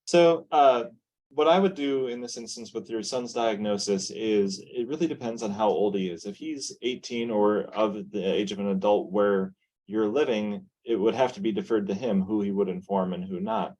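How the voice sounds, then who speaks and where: A man with a low, mellow voice answers a caregiver's question on a webinar panel. He gives his advice in a calm, measured way. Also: poor audio. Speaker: clinician panelist.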